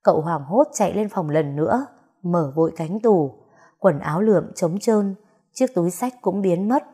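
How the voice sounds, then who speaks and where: A woman storyteller reading a melodramatic tale aloud. Her voice sits on the low side for a woman, and she leans into the emotion of each line in a dramatic way. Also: expressive, moderate pace, mellow, husky.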